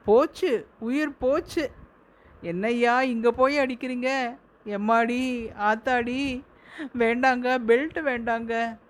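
A woman's voice: a little high, fairly even intonation, takes it slowly, long pauses. Woman doing a wailing male prisoner in pain. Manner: crying out in agony, pleading.

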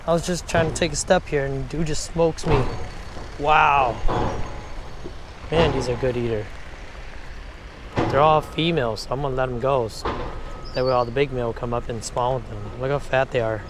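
Out by a shallow river, a man fishes and talks casually and excitedly to his camera, using plenty of slang and exclamations. His mid-range voice keeps a fairly even intonation at a moderate pace, broken by long pauses. An outdoor action camera captures him along with background noise.

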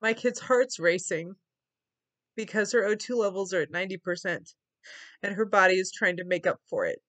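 A woman's voice: mid-range voice, moderate pace, a bit bright. Tearful woman, crying as she talks. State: tearful, crying with a choked, snotty voice. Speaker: vlogger. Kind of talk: confessional vlog talk. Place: small wood-paneled room indoors.

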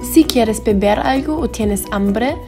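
Young woman, slightly high, voice-over with music. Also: a little slow. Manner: reading a school tour text. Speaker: student narrator. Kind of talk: scripted voice-over narration.

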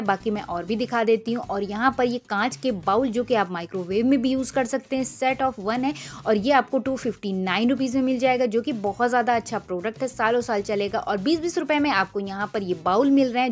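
A woman vlogger walking through a large store, briskly listing prices in an upbeat sales-pitch manner. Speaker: shopping vlogger. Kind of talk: store walkthrough narration.

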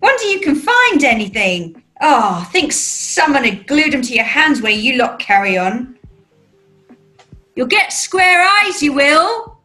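A woman's voice: high voice, big pitch swings, unhurried, sharp tone, faint music behind, heavily acted. A woman playing a fussing, coaxing British mother in a rehearsed script reading over a video call. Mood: nagging. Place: small room at home, video call.

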